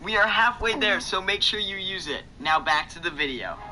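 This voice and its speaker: A man's voice: high voice, animated, normal speed. A young man narrating his gaming video in a hyped, promotional way. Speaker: gaming YouTuber. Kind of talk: casual gaming vlog narration. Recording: noisy game audio behind.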